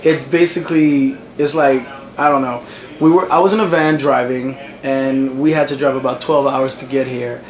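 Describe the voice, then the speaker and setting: A man's voice: mid-range voice, moderate pace. A young male musician from the Congo, chatting casually in an interview and telling stories with lots of fillers. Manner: animated storytelling, frequent fillers. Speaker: musician guest. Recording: noisy crowd behind. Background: crowd chatter.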